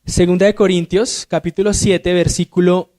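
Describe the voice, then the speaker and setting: Male deacon, Sunday school teacher, slightly high voice, asks and answers his own questions. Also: little pitch movement, moderate pace, dark tone. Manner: asks the class questions and answers them himself; reads verses aloud with rising emphasis. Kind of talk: Sunday school grammar lesson. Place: church classroom.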